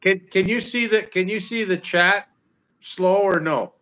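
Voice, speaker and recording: A Canadian man in his sixties co-hosts a livestream, chatting casually in a high, fairly bright voice at an unhurried pace. He rambles, with lots of fillers and restarts.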